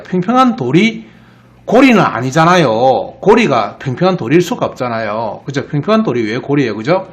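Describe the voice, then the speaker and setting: Male lecturer, Gyeongsang accent, fairly high voice with swooping intonation, keeps asking "right?". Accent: Gyeongsang Korean. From Gyeongsang region of Korea. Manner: explains with frequent rhetorical questions. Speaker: etymology lecturer. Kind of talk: lecture over slides.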